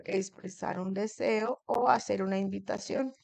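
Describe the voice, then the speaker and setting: Woman, English teacher, classroom lesson, quizzes the class, mid pitch, dry sound. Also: steady tone, unhurried, vocal fry, a little mellow, no echo. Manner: keeps checking in with the class, asking questions.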